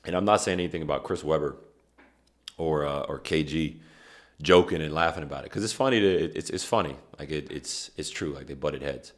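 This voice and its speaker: A man's voice: extremely low pitch, a little fast. A young man hosting a streamed show, talking in loose, rambling slang and often stopping to correct himself. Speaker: podcast host. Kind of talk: casual chat.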